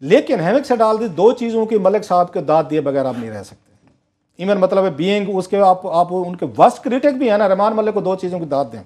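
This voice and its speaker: A man's voice: sits high, lively intonation, fairly quick, darkish tone. A man, giving emphatic, story-driven commentary as a political analyst on a talk show.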